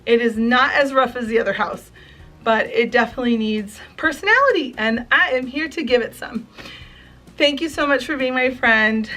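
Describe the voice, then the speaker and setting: A woman's voice: a little high, lively intonation, normal speed, bright, forceful tone. A woman in her forties speaks earnestly to her viewers in a heartfelt home vlog, emotional and close to tears, full of thanks. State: near tears. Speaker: home and craft vlogger.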